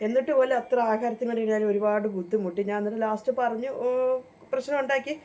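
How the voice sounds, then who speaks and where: A woman with a slightly high, soft and mellow voice rushes through a personal story for her vlog. She talks earnestly, doubling back and repeating phrases as she goes. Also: slight background noise. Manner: rambling, with frequent restarts and repeated phrases; earnest, emotional retelling. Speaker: vlogger recounting her past work abroad.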